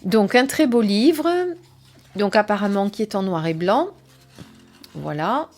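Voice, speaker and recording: A woman unboxing and reviewing an oracle card set, talking casually with many pauses and fillers. Her pitch sits in an ordinary middle range, and now and then she drops into soft whispers. She also reads some passages from the guidebook aloud. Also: animated.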